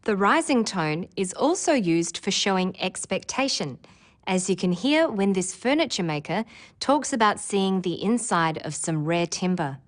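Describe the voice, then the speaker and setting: A woman presenting an English exam preparation lesson in clear, careful scripted narration. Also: medium pitch, lively intonation, unhurried, soft background music. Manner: clear, careful delivery with demonstrated intonation.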